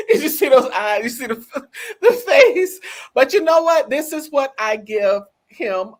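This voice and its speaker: A woman co-hosting a talk show, chatting casually and with animation, laughing and calling out to her audience. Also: deep voice. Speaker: co-host. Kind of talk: casual chat.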